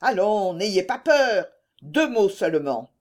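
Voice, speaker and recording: A woman's voice: mid-range voice, big pitch swings, takes it slowly, a little mellow. A woman voicing a sly, shameless rural farmer who feigns indifference, in a read-aloud story.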